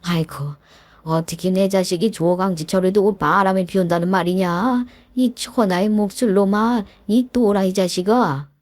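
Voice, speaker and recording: A woman's voice: mid-range voice, moderate pace, a little mellow, dry recording, lightly acted. A woman voicing a furious older father-in-law who scolds harshly and barks commands in a told story. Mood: furious scolding. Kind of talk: storytelling with voiced characters.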